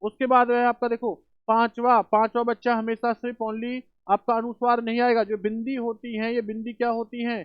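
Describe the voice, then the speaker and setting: A man with an extremely high voice teaches a spelling lesson for exam prep, asking himself rhetorical questions and answering them, and calling his students children and brothers. His delivery is completely flat at a moderate pace with few pauses, in a dull, dry home recording with no room sound.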